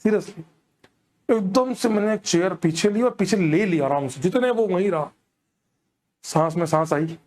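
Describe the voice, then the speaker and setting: A young man, telling a comic story in an animated way and keeping checking that the audience follows. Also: high voice. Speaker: stand-up comedian. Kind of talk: storytelling comedy.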